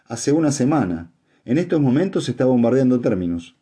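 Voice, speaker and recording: A man reading aloud and voicing an agitated male scholar who shouts in a strident voice. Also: mid-range voice, big pitch swings, brisk, breathy edge, pitched above the performer's own voice. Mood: alarmed shouting.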